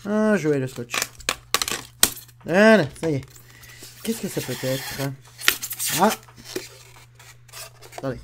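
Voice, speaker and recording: A man's voice: a little high, expressive, takes it slowly, long pauses, very noisy. A man hosting an unboxing video at home, chatting to the camera and grumbling aloud as he unwraps things. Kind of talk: casual talk to camera.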